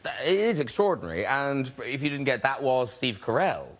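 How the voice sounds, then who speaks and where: A man's voice: medium pitch, sing-song, fairly quick, a bit bright. A man hosting a talk show, teasing his guests with playful questions. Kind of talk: chat-show interviewing. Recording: studio with audience.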